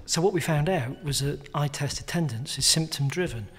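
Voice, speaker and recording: A man's voice: a little high, moderate pace, slight background noise. A man speaking as a charity spokesperson, formally explaining research findings. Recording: soft music bed behind the voice.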